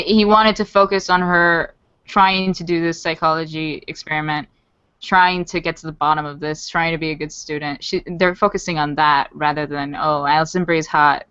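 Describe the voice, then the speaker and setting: Excitable low-voiced woman, laughing often. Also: moderate pace, clear, resonant tone, no echo. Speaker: podcast co-host. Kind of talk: casual chat. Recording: dry, dull lo-fi podcast audio.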